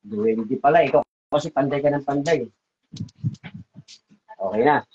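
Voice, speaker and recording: A man's voice: medium pitch, moderate pace, husky. A man leading a live healing session, coaxing and repeating short questions. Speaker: faith healer. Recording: dull lo-fi audio.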